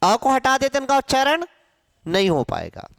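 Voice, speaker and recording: Slow, lively-pitched man teaching a class. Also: gravelly, no room sound, clean studio sound. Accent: Hindi, from central India. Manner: asks questions and answers them himself, repeating sounds slowly. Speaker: Hindi teacher. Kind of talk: classroom grammar lesson.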